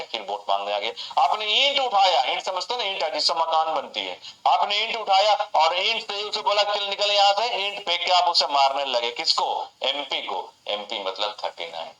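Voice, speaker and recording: A male teacher taking an online class from home, repeating memory cues in call-and-response. His voice is bright and a little high, and it rings in an echoey room. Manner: repetitive, call-and-response mnemonics.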